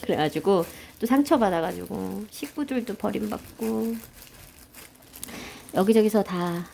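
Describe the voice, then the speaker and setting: A woman chatting casually and alone while she cooks at home, thinking aloud in an unhurried, hesitant way. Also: mid-range voice, expressive, creaky, a little mellow, a little hiss or hum. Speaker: home cooking vlogger. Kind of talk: casual solo chat while cooking. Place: at home while preparing food.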